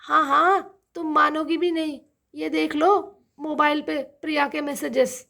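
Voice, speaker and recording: A woman voicing a gentle, worried mother-in-law in a doll-play drama, soft and pleading. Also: high-pitched, level tone, a little slow, gravelly. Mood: anxious.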